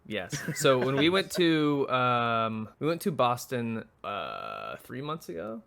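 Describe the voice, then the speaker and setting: A man's voice: medium pitch, wildly swooping pitch, slow pace, gravelly, fairly bright tone. Guy cohosting a chill podcast, rambly and jokey, teasing his buddies. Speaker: podcast co-host. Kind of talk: casual chat.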